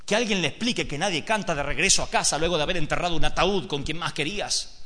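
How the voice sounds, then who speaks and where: A theatrical male preacher telling a story from the pulpit, emphatic and direct with his listeners. His voice is high, bright and animated, echoing through a large hall. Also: fast. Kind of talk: dramatic sermon storytelling. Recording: echoey hall.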